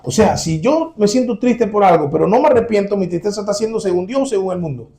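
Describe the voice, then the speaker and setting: A man's voice: high voice, animated, fast talker, dark tone. A man preaching a sermon to his congregation, earnest and direct, repeating his key points.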